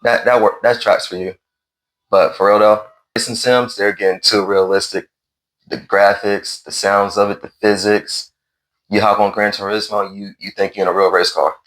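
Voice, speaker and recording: A man's voice: fairly low pitch, fairly even intonation, moderate pace, fairly bright tone, low-quality recording. A man hosting a casual gaming conversation, asking questions and teasing his friend in a laid-back way. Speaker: podcast host.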